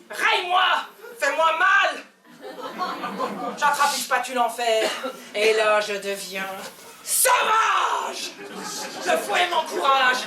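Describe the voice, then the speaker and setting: A woman with a Belgian French accent performing a theatrical stand-up monologue on stage, swinging between loud outbursts and hushed asides. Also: a little high. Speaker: comedian. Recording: echoey hall, voice from far off, faint ambience.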